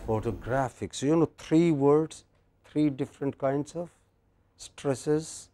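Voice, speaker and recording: A man's voice: fairly high pitch, steady tone, slow pace, dark tone, dry recording. A man teaching English pronunciation in a lecture, patient, repeating phrases and checking that the class follows.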